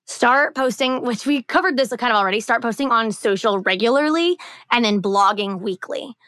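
Bright chatty woman cohost, lotta "like"s, dry close mic. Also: on the high side, normal speed, no echo. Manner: chatty, heavy use of "like" and "um". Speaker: podcast co-host. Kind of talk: casual chat.

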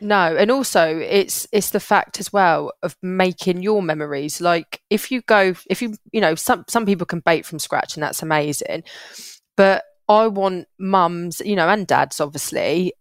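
A young woman talks as an interview guest in an earnest, chatty way, often breaking off and restarting. Her voice sits low for a woman. The sound is close and dry. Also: unhurried, no echo. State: getting emotional. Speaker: podcast guest, parenting hack creator. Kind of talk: casual interview chat.

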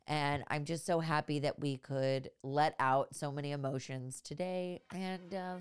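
Smooth-voiced woman hosting a podcast. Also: deep voice, steady tone, a little slow. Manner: upbeat and encouraging. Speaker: podcast host. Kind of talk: podcast outro.

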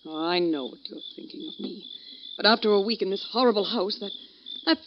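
An actress voices a flustered young nurse who stammers through evasive answers. Her voice sits in a middle pitch, and the sound is dull and lo-fi, like an old radio play. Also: a little fast, noisy background, close to an everyday voice. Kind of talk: 1940s radio acting.

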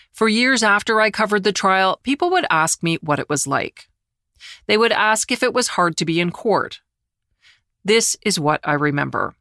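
A middle-aged journalist narrating a true-crime story in a measured, somber way, slowing down on the grave details. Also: mid-range voice, sharp tone, no room sound, studio quality. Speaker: journalist who covered the trial, narrating.

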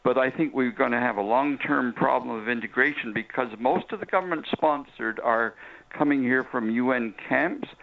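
Gravelly male guest on a phone line. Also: medium pitch. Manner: deliberate, hesitant. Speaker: guest commentator.

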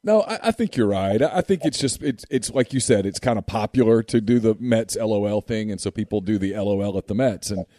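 A man's voice: lowish voice, expressive, a little fast, hardly any pauses, dark tone, no echo, studio quality. A man hosting a podcast in an informal, conversational way, moving between sponsor reads and casual sports chat. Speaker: podcast host.

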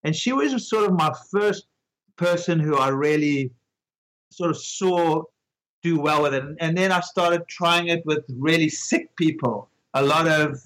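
A male clinician guesting on a podcast talks with enthusiasm in a slightly high voice. He rambles, restarts his sentences and piles on asides as he explains. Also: measured pace, fairly bright tone, low-quality recording. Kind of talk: casual conversational interview.

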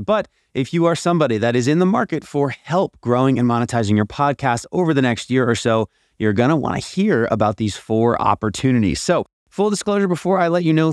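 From the attic of a house, a man with a medium-pitched voice hosts a podcast, delivering an emphatic, scripted promotional monologue about offers. The audio is dry and produced, with no room sound.

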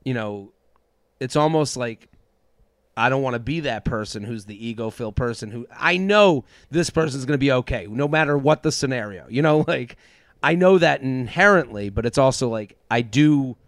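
A man's voice: medium pitch, lively intonation, moderate pace, no echo, studio quality. Rambling, self-doubting man. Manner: rambling, self-deprecating, many restarts. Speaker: guest. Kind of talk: candid conversation.

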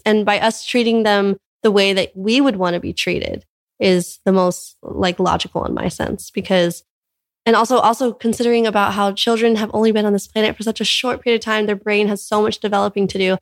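A young mother from California speaks quickly and earnestly in a relaxed interview. Her voice sits at an ordinary middle pitch, and she fills her sentences with "like" as she thinks aloud. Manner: earnest, filler-heavy with frequent "like". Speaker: guest, mother of young children. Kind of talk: casual conversation.

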